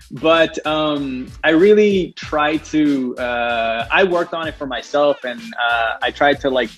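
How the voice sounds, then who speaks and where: Husky young man, rambling and laughing. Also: on the high side, slow, a bit bright, faint music behind. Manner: rambling, with many restarts and frequent laughs. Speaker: actor guest. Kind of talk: casual interview chat.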